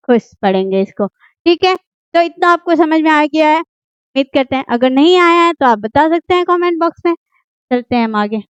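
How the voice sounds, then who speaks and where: Woman, teacher, high voice, asks questions and answers them herself, dry close sound, slightly muffled. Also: fairly bright tone, no echo. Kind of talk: grammar lesson explained at a board.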